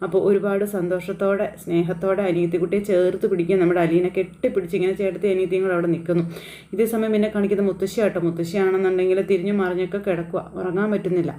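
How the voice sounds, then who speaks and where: A woman retelling a TV serial episode in a casual, chatty way. She talks quickly and keeps checking in with the listener. Her voice is mellow and slightly dark. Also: on the low side, level tone. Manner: chatty, tags lines with "you know". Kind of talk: casual spoken recap.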